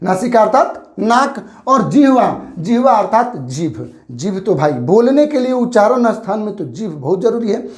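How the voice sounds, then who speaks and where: A man's voice: sits high, very animated, moderate pace, few pauses. Male tutor, exam-prep lecture, repetitive question-and-answer delivery, echoey room. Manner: explains by repeating and asking questions he answers himself. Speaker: teacher. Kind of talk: exam-prep grammar lesson. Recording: roomy echo.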